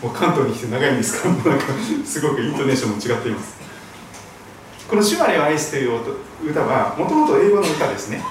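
Pastor from Shikoku preaching earnestly, pitch swinging widely, heard from afar in a very echoey church. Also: very animated, quick pace, noisy background. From Shikoku, Japan. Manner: earnest, emphatic preaching with hymn singing. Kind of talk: sermon. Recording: very echoey hall, voice from a distance.

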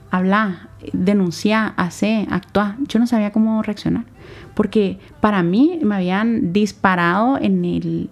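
Young woman, Guatemalan accent, interview guest; warm, dark voice, reflective and halting. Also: medium pitch. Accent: Guatemalan Spanish. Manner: earnest, reflective, speaks in short halting phrases. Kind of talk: personal testimony in a sit-down interview.

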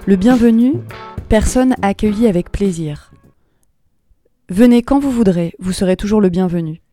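A radio host narrating a sound portrait and gently asking interview questions. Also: mid-range voice, normal speed, no room sound, soft background music.

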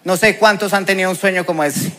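A man's voice: sits high, fairly even intonation, quick pace, sharp tone. Colombian man preaching his testimony. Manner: vivid, emotional storytelling. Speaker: preacher giving a personal testimony. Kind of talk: testimony sermon.

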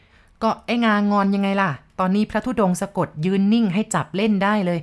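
A woman voicing an excited young man who blurts out news in a breathless, insistent rush, within a spoken story. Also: medium pitch, normal speed, natural voice.

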